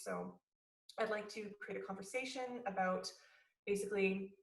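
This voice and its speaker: Fry-voiced woman in her thirties, echoey room. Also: mid-range voice. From Canada. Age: 30s. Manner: relaxed and searching, with frequent fillers. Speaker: guest speaker, athlete. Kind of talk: conversational talk. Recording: echoey room, distant mic.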